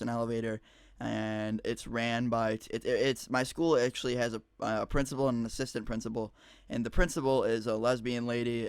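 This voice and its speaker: A man's voice: mid-range voice, vocal fry, no room sound, clean studio sound. A teenage boy telling a school story to his viewers in a rambling, casual way with lots of fillers. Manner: rambling, chatty, frequent fillers and restarts. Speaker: YouTuber.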